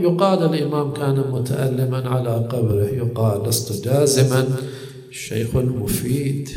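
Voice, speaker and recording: A man's voice: mid-range voice, gravelly. A man preaching a sermon, telling stories, asking rhetorical questions and at times slipping into a chant. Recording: echoey hall with long reverb.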